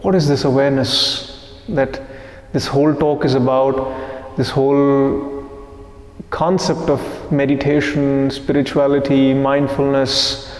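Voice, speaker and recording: A man leading a live meditation group, talking slowly and calmly, asking the group questions and repeating their answers back. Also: mid-range voice, reverberant, in a large hall. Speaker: meditation teacher. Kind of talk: live guided meditation talk.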